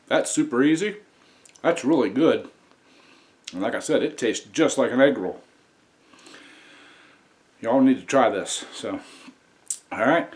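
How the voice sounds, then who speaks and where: An American man hosting a casual home cooking vlog, talking to viewers in a folksy, plain-spoken way. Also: medium pitch. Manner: folksy, addresses viewers as y'all. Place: indoor home kitchen. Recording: clear background noise, kitchen ambience.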